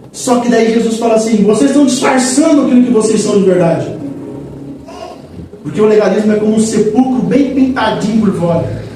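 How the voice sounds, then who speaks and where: High-voiced animated preacher in echoey church. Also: male voice. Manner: animated, acting out dialogues with God and churchgoers. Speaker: pastor. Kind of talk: sermon. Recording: echoey church hall from far off with background noise.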